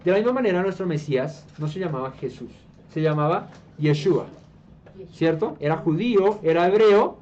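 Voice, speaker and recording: A Colombian man leads a home Bible study, his voice sitting somewhat high, and he keeps checking that his listeners follow along. He restarts phrases as he explains. The recording is dull and low-fi, with a faint hiss underneath. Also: expressive, normal speed, a little mellow. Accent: Colombian Spanish. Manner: conversational, asks listeners "¿listo?" and "¿sí?" often; hesitant restarts while explaining. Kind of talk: informal group Bible study.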